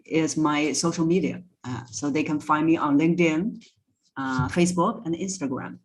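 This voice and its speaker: A woman whose voice sits low talks at a moderate pace, with slight background noise in the recording. She is a voice coach being interviewed, offering expert advice in a conversational, instructive way through step-by-step examples.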